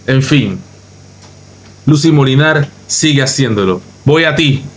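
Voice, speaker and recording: A man's voice: medium pitch, lively intonation, unhurried. A man from Panama with a Panamanian accent, ranting emphatically through a reaction commentary as a youtuber, repeating his points and mocking others. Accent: Panamanian Spanish.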